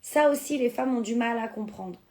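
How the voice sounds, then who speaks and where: She speaks at a normal speed in a voice on the high side with a darkish tone. A native Spanish speaker born in France to Spanish parents, she chats casually during a live stream, selling beauty products and replying to comments.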